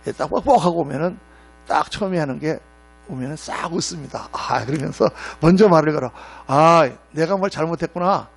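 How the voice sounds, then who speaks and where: High-pitched gravelly pastor preaching. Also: male voice, fairly quick. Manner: storytelling with acted-out quotes, animated. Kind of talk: sermon. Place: church sanctuary. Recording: mains hum.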